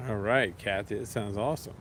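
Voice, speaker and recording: A man chatting casually with viewers on a livestream, relaxed and rambling, talking to his pets now and then. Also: on the low side, brisk, a little hiss or hum.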